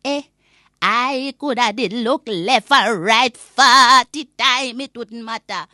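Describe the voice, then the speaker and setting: A woman's voice: on the high side, takes it slowly, pushed and bright, no echo, clean studio sound, heavily acted. A woman playing a cantankerous old Jamaican granny, ranting comically in patois with indignant, emphatic scolding. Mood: grumbling, exasperated. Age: older. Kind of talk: comic rant monologue in patois.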